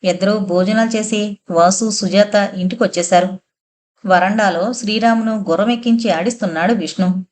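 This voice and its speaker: A woman narrating an audio novel in a steady, even storytelling manner. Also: mid-range voice, moderate pace.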